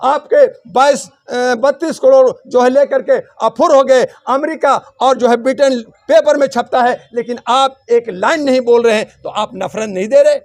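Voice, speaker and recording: High-voiced man arguing hotly. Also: normal speed, hardly any pauses, darkish tone. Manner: combative, fires rhetorical questions. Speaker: interviewee defending his views. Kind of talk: heated political argument.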